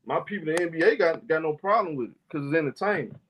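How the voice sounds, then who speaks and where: A man's voice: on the high side, lively intonation, fast, slightly rough. A man hosting a casual sports talk live stream, loose and argumentative, talking back to his chat in slang.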